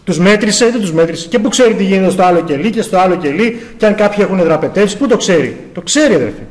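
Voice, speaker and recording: A man preaching a sermon with fervour, asking the congregation rhetorical questions and swinging from loud cries to low, intense tones. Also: expressive.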